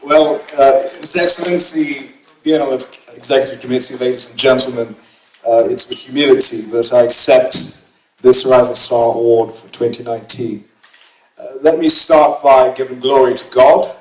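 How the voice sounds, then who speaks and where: A man's voice: medium pitch, steady tone, normal speed, a little mellow. A young man giving an earnest, uplifting award acceptance speech at a gala dinner. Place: banquet hall at gala dinner. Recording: echoey banquet hall.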